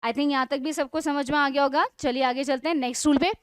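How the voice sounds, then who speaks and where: A woman teacher explaining English spelling rules in an online class, asking questions and answering them herself, and reading the rules out slowly. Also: sits high, steady tone, dry recording. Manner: explains in Hindi mixed with English, asks and answers own questions.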